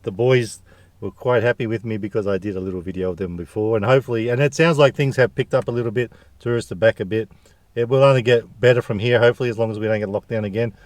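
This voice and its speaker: An Australian man with a fairly low voice talks casually to his viewers in a food review vlog. His delivery is jokey and slangy, and the sound is very dry, with no room echo. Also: fairly even intonation, quick pace.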